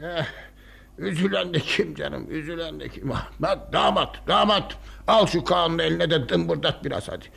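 Radio play: carefree old patriarch, coaxing and cheerful, gravelly bright voice. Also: male voice, on the high side, moderate pace, exaggerated voice. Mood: jovial. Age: older. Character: easygoing old grandfather, carefree and jovial. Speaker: family patriarch. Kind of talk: radio drama acting.

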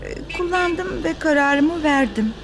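Radio play: young woman, evasive and hesitant, high voice. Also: expressive, slow, gravelly, background noise, exaggerated voice. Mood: firm. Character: young woman breaking off an engagement, guarded. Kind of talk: radio drama acting.

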